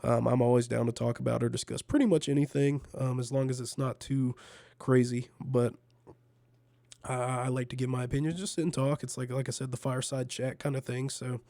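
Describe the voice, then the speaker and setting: A man who is under the weather, with a stuffy nasal tone and a gravelly, mellow voice. He hosts a laid-back solo show, chatting casually and repeating words as he rambles along. The sound is close and dry. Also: medium pitch, flat delivery, fairly quick, no echo. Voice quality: nasal, congested. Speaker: solo podcast host. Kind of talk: casual rambling fireside chat about gaming.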